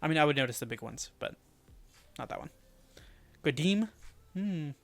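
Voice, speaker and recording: A man streaming live, thinking aloud as he mutters and repeats made-up names to test how they sound, often dropping to a quiet murmur. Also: a little high, lively intonation, moderate pace, creaky. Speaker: streamer building a fantasy world.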